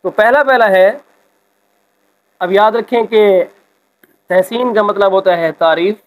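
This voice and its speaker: A high-voiced man teaches a school lesson, explaining a textbook exercise and reading example sentences slowly and expressively. The recording quality is low.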